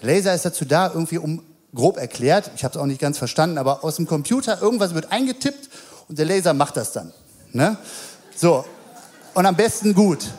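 A man's voice: on the high side, animated, fairly quick, darkish tone. A man with children giving a casual, anecdotal sermon, chatting loosely with lots of fillers and "right?" tag questions. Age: adult with children. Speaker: lay preacher.

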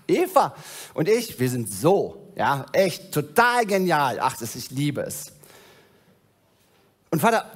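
A man's voice: high-pitched, slightly rough, voice pushed up, exaggerated voice. A man voicing Adam as a joyful, childlike young man who gushes enthusiastically to an unseen father. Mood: gushing.

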